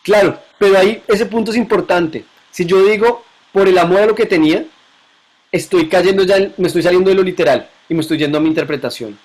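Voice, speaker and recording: A man's voice: high voice, fairly quick. A man teaching a Bible lesson to a class, asking questions and repeating key points.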